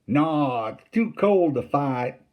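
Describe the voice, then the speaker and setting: A man voicing a friendly Confederate soldier on picket duty, speaking with a soft Southern drawl. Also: fairly high pitch, expressive, slow, dull audio, pitched above the performer's own voice.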